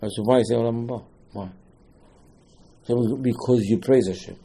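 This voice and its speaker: A man's voice: medium pitch, moderate pace, warm tone, breathy edge. A man teaching a Torah lesson, telling stories and acting out the dialogues with emphatic bursts. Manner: storytelling, acts out dialogues, rising to emphatic bursts.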